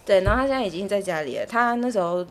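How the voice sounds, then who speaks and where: A woman's voice: medium pitch, lively intonation, rapid-fire. A young woman with a Taiwanese Mandarin accent, co-hosting a casual podcast chat in a playful, giggly manner. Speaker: podcast co-host.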